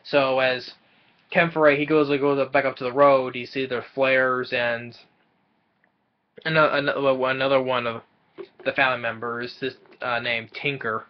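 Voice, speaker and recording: A man's voice: medium pitch, flat delivery, normal speed, dull audio. A young man casually recapping a film's plot from a small room, often stumbling and repeating words as he goes. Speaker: movie reviewer.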